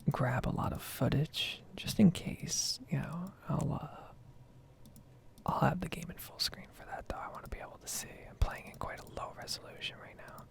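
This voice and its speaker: A young American woman in her twenties, a gaming video creator, gives rambling ASMR gameplay commentary close to the microphone, swearing casually. Her voice is deep and creaky, at a moderate pace.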